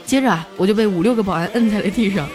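A young adult woman hosting a comedy show, reading listener jokes aloud in a playful, lively way and chuckling at them. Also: racing. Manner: playful, chuckles at the jokes, jumps high for quoted voices. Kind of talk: lively comic joke reading. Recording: background music under the voice.

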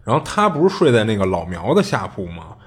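Low-voiced man telling a ghost story. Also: very animated, fairly quick. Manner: chatty, colloquial, with many filler restarts. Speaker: podcast host.

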